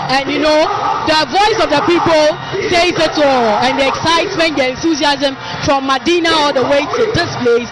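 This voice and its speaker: A woman's voice: high voice, poor audio. A young Ghanaian woman giving an earnest, enthusiastic interview as a party supporter. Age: young adult. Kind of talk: live interview at a political rally. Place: outdoors at a campaign rally. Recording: loud crowd at outdoor rally.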